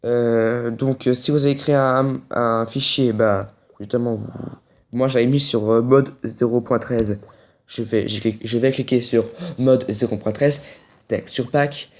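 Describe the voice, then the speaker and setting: A man explains a game tutorial in an unscripted, casual way. He keeps pausing, restarting his sentences and slipping in deadpan sarcastic remarks. His voice sits in an ordinary middle pitch. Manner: hesitant, full of pauses and restarts, with dry ironic asides. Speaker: tutorial creator.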